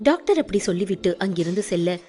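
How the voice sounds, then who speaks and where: A woman narrating an audiobook with expressive storytelling. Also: on the low side, fast.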